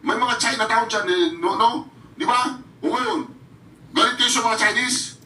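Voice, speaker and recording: A man's voice: very high-pitched, moderate pace, bright, forceful tone, roomy sound, far from the mic, low-quality recording. Taunting man laughing constantly. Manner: taunting, bursts into frequent laughter; addresses viewers directly. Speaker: reaction vlogger. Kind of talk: mocking reaction commentary.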